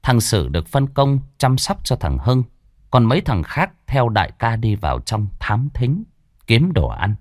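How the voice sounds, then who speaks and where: A man narrating a horror story in a dramatic, expressive storytelling manner. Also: mid-range voice, a little slow, dry recording, clean studio sound.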